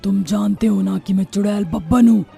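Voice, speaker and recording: Woman voicing a gravelly old witch mother-in-law, bossy, taunting, dark-toned, cartoon, soft music behind. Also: medium pitch, moderate pace. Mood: scolding. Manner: scolding, taunting. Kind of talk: cartoon voice acting.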